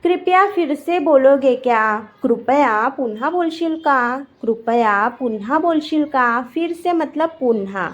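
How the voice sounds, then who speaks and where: A woman teaching a language lesson, repeating each short phrase twice in a clear, deliberate way. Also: sits high.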